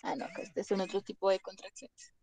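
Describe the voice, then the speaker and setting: Speaking fast in a monotone, a woman with a medium-pitched, warm voice teaches English in a chatty classroom lesson. She illustrates points with many examples and checks in by asking "¿listo?". There is no room sound.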